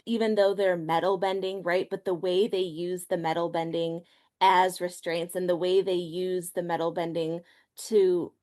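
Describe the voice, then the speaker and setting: A woman co-hosting a podcast discussion, deliberate and often adding "right?". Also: lowish voice. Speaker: podcast co-host. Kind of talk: casual discussion.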